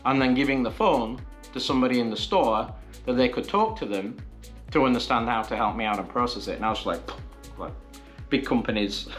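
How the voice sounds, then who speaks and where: A man's voice: mid-range voice, fairly bright tone. A man vlogging, telling a frustrating story in a casual, exasperated way and acting out both sides of his phone calls.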